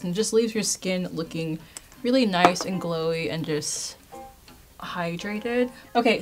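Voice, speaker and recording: A young woman in her late twenties talks chattily to her viewers as a beauty vlogger. Her voice sits on the low side for a woman. Faint music plays quietly under her voice. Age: 20s. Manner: chatty, upbeat, addresses viewers as you guys. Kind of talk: casual chat to camera. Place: indoor filming space.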